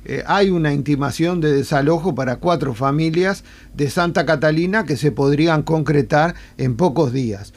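A Uruguayan man hosting a radio news interview, his voice pitched a little high. He asks questions informally, often stumbling and repeating words. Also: normal speed, few pauses. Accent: Uruguayan Spanish. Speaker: radio host.

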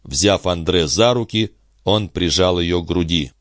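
A man with a low voice narrates a classic novel in a measured, even storytelling manner. The recording is close and dry, with no room sound. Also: no room sound. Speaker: audiobook reader. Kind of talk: scripted audiobook narration.

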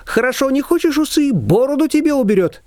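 A man's voice: very high voice, very animated, darkish tone, no room sound, clean studio sound, pitched above the performer's own voice. A man reading an audiobook voicing a bossy, meddling middle-aged female neighbor who scolds and gives orders. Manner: pushy, scolding, rapid-fire demands.

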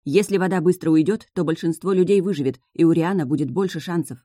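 A woman's voice: fairly low pitch, quick pace, mellow, dry recording, studio quality, close to an everyday voice. A woman voicing a bold young mermaid heroine who speaks urgently and insistently.

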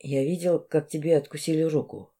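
A woman voicing a worried, protective young man in an audiobook, speaking low and earnestly. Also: fairly even intonation, fairly quick, warm tone. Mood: bewildered.

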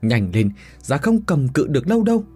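A man voicing an old village shaman in a horror story, speaking gravely and urgently, in a husky voice. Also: on the high side, sing-song, fairly quick, a little mellow, faint music behind. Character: old male village shaman, protective and self-sacrificing.

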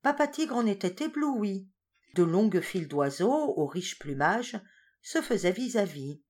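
Lively, expressive woman storyteller. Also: mid-range voice, a little slow. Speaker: audiobook reader. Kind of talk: storybook narration.

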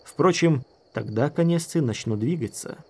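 A man narrating an audiobook in a measured storytelling manner. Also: a little high, expressive, a little mellow, husky.

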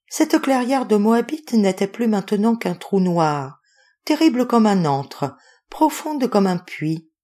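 A woman narrating an audiobook in a calm, measured reading. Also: lowish voice. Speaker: audiobook reader.

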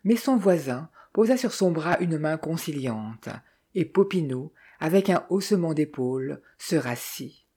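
A narrator reading a novel aloud in an even, measured way. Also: medium pitch, breathy edge. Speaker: audiobook narrator.

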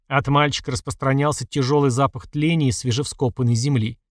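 A man narrating a horror audiobook with expressive, lively delivery. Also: mid-range voice, a little fast, no room sound, studio quality.

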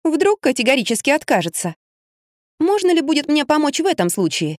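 Woman doing a shrill excitable young wife. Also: a little fast, dry recording, studio quality. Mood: agitated. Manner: shrill, indignant, exclaiming.

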